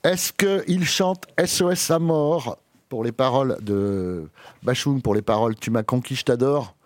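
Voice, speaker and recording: A man's voice: medium pitch, measured pace, no room sound. A man hosting a radio show in casual banter, playful and chuckling, with hesitant fillers.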